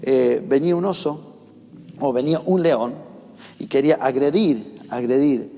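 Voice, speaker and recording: A man quoting the young shepherd David in a lower, quieter voice during a sermon. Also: measured pace, creaky. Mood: defiant. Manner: lower, quieter voice for the quoted hero. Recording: long reverb of a church hall.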